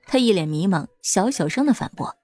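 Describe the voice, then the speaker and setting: A woman narrating an audio drama in a lively, expressive storytelling manner. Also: mid-range voice, brisk.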